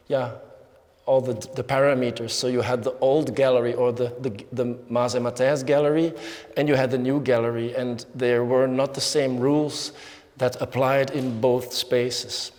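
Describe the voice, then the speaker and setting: A man giving an unscripted lecture as an artist, halting often with fillers and restarts. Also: mid-range voice, darkish tone. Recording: long hall reverb.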